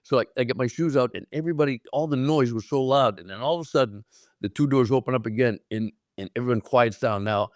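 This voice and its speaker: A man's voice: medium pitch, fast, no room sound, clean studio sound. A man in his sixties telling a story in casual chat as a podcast guest, acting out quotes with a raised voice. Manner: animated, acts out quotes with raised voice. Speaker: guest, former pro ballplayer.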